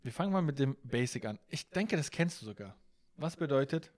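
A man co-hosting a podcast, chatting casually with a friend. He sounds playful and teasing, like a cheeky teacher. His pitch swings up and down a lot as he talks. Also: lively intonation, a little fast, darkish tone. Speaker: podcast co-host. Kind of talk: casual chat.

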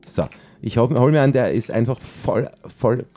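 A middle-aged man chatting casually while playing a video game with his child, easily excited and often searching for words. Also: mid-range voice, moderate pace. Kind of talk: casual gaming chat.

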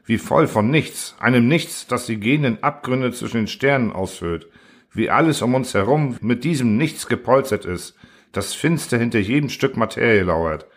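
A man reading an audiobook voices a vain, boastful thinking machine with a metallic, indifferent manner. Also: mid-range voice. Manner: smug, indifferent, self-important.

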